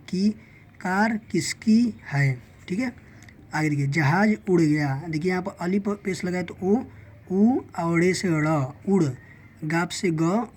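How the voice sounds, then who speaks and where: A woman with a fairly low, slightly mellow voice teaches a beginners' reading lesson. She patiently and slowly sounds out each letter and word step by step, repeating "theek hai" along the way.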